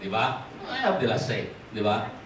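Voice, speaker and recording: Echoey Filipino pastor preaching from afar. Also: male voice, very animated, moderate pace, background noise. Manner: mixes in English, asks the congregation for amens; drops low and quiet at ends of points. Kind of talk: sermon. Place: church hall. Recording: echoey hall from far off.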